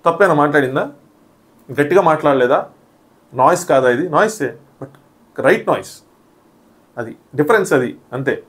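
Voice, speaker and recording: A man giving a quick, animated review of a reality show, acting out what the contestants said. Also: on the high side. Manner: animated, re-enacts contestants' quotes. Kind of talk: fast recap commentary.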